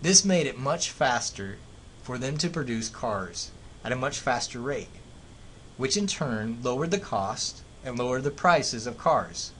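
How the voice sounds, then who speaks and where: Narrating over slides like a classroom lecture, an American man teaches economics with everyday examples in a professorial manner. His voice is animated and a bit bright at a measured pace, with clear background noise and a low rumble.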